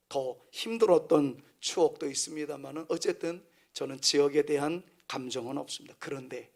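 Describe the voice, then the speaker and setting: A man's voice: fairly high pitch, gravelly. A middle-aged man from Seoul, preaching a sermon in an earnest way and dropping to a near whisper at the ends of phrases. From Seoul, South Korea. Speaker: pastor.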